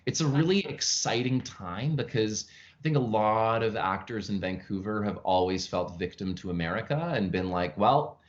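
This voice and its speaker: A man, an actor, chatting animatedly in a casual interview, telling stories with lively jumps in his voice. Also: lowish voice, moderate pace. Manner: frequent fillers and restarts, chatty. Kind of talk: casual interview over video call. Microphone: video call from home. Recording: lo-fi video call audio.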